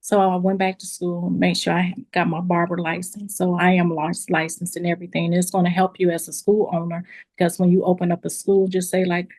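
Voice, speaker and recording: A woman's voice: fairly low pitch, a little fast. A woman who owns a beauty school, telling her story with feeling, talking straight to the group as y'all. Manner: animated storytelling, addresses listeners as y'all. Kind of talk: emotional testimonial storytelling.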